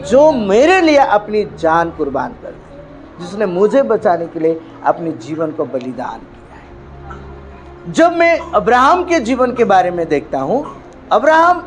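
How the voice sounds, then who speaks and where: With a high-sitting voice, this male pastor from India delivers a forceful sermon, peppered with hallelujahs and shifting from booming to quiet passages.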